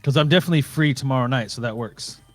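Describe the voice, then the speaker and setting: A man's voice: mid-range voice, quick pace, no room sound, faint music behind. Teasing man co-hosting a live stream. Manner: teasing, chatty banter with many restarts. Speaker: co-host of a live stream show. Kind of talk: casual chat. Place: home computer setup.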